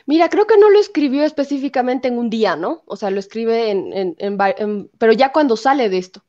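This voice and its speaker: A woman speaks as an interview guest, telling her story emphatically and slipping into other people's voices for quotes. Her voice sits a little high, and the recording is slightly muffled and lo-fi. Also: expressive, fairly quick, mellow.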